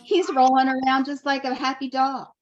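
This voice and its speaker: A woman teacher reading a picture book aloud to young children, with expressive storytelling and friendly asides. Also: high-pitched, moderate pace, muffled recording, a little hiss or hum.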